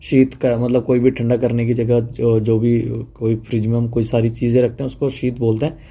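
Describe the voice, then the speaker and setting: A man teaches a relaxed online lesson in a mellow, warm voice of middle pitch. He talks in a chatty, easygoing way and keeps checking in with his listeners as he goes. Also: brisk, slight background noise. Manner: chatty, mixes Hindi and English, says "ठीक है" often.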